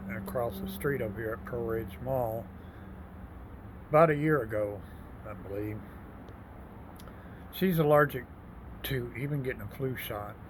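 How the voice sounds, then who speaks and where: A man in his sixties talking plainly and casually to his viewers as a motivational fitness vlogger. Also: medium pitch. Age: 60s. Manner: plain-spoken, addressing viewers as folks. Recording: noisy recording with vehicle ambience.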